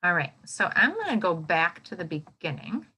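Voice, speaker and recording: Her voice is fairly low, husky and sharp, yet very animated: a woman elementary school teacher reading aloud interactively to young children. Encouraging and exaggeratedly expressive, she prompts them with questions and waits for replies.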